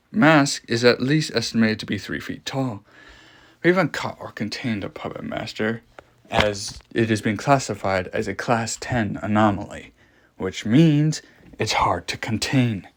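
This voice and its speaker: A man plays a scientist with a morbid fascination, explaining a monster in a horror audio log. He lectures with dramatic pauses and rhetorical questions in a medium-pitched voice close to how he'd normally speak.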